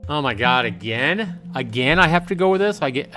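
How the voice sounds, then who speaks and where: This man's mid-range voice is sharp in tone, with lively intonation and a moderate pace, set against soft background music. Playing a visual novel on a livestream, he gives casual, repetitive commentary, thinking out loud and talking to his chat.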